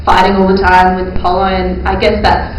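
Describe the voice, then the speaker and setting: A woman's voice: medium pitch, monotone, brisk, background noise. Hesitant young woman, echoey room. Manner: hesitant, lots of ums and hedges. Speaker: panelist. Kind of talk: mock press Q&A role-play.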